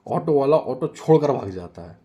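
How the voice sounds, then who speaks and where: A man narrating a comic story in an even, matter-of-fact way. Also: medium pitch, moderate pace, highs cut off.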